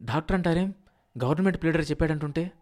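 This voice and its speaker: A man's voice: mid-range voice, lively intonation, brisk, a little mellow, close to an everyday voice. A man voicing an anxious middle-aged village wife who coaxes and snaps at her husband in a storybook reading. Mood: pleading.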